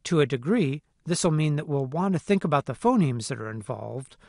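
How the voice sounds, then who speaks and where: A man narrating a phonetics lesson in a clear, methodical way. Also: fairly high pitch, expressive, moderate pace, darkish tone, no room sound, studio quality. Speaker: phonetics instructor. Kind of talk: scripted lecture narration.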